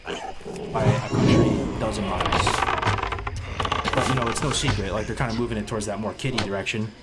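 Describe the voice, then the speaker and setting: This fairly low-voiced man is animated and brisk as he chats casually on his livestream, his nose stuffed and sniffly from a cold. He rambles, starts over mid-sentence, and sprinkles in gamer slang, all against heavy background noise and clearly audible music.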